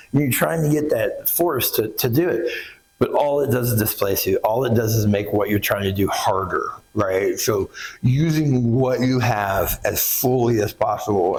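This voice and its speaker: A man's voice: medium pitch, poor audio. A man working as a ballet coach in a private lesson, giving short directive cues and counting out steps rhythmically. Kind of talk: instructing a private dance lesson. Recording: loud music over the voice. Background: loud instrumental music.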